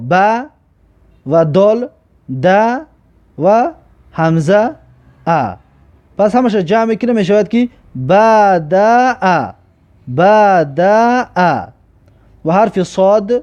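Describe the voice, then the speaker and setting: High-voiced Tajik man teaching letters. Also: warm tone. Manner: repeats each letter and word slowly, stretching syllables. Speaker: Arabic alphabet teacher. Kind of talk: slow drilled reading lesson. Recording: dull lo-fi recording.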